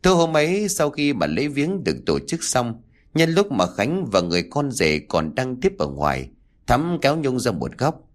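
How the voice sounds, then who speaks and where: A man narrating a horror story in a dramatic, expressive way. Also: mid-range voice, moderate pace.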